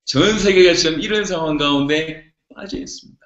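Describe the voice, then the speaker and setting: A man preaching a sermon as a pastor, emphatic and rising to shouts, sometimes acting out pleading voices. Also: fairly high pitch, brisk. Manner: acts out pleading voices of believers. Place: church hall. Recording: echoey, dull lo-fi sermon recording.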